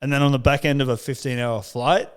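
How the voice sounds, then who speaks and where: A man's voice: mid-range voice, fairly even intonation, quick pace, smooth. A man with an Australian accent hosting a podcast, chatting casually and swearing as he tells stories. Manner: swearing, laughing storyteller. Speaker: podcast host. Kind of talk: casual chat.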